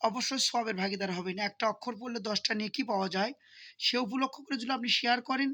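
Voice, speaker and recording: Bright-voiced man drilling recitation slowly. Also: high-pitched. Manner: spells words out slowly, syllable by syllable, in a repeated chant-like drill; patient, repetitive explaining with frequent appeals to share. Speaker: Quran recitation teacher. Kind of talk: step-by-step recitation lesson.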